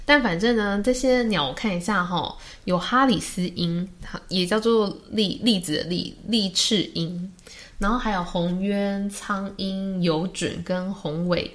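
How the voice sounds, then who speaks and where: Lively Taiwanese woman telling a family story. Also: medium pitch, a little slow. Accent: Taiwanese Mandarin. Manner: lively storyteller who acts out family members' voices. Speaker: podcast co-host. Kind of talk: casual chat.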